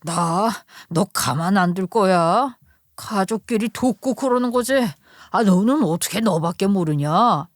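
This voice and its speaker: A woman doing a yelling, shameless husband. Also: medium pitch, lively intonation, measured pace, no echo, clean studio sound, natural voice. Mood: furious. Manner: yelling, accusing. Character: angry husband, man, shameless and shouting.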